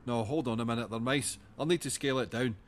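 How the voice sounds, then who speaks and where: A man's voice: mid-range voice, fast, natural voice. An actor with a Scottish accent playing a man who rambles off into fanciful tangents. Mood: rambling. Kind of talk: sitcom acting.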